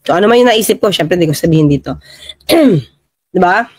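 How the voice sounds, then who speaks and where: A woman's voice: fairly low pitch, lively intonation, a little fast, darkish tone, breathy edge. A Filipino woman hosting a casual livestream, chatting about the news and thanking viewers by name. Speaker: livestream host reading viewer comments.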